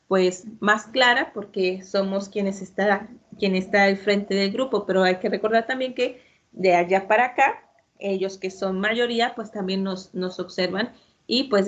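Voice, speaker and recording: A woman moderating an online debate, explaining in a measured way with frequent fillers. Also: mid-range voice, dull audio.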